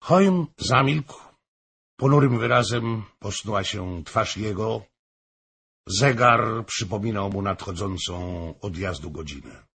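A man narrating a historical novel as an audiobook, slow and expressive. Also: on the low side, breathy edge.

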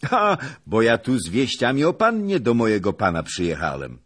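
A man voicing a chubby, excitable young male servant in an audiobook. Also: mid-range voice, normal speed, voice pushed up. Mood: eager. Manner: excited, exclaiming.

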